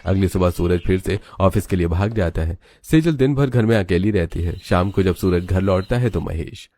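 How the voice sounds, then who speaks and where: A man narrating a scripted family story in a steady storytelling manner. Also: sits low, moderate pace.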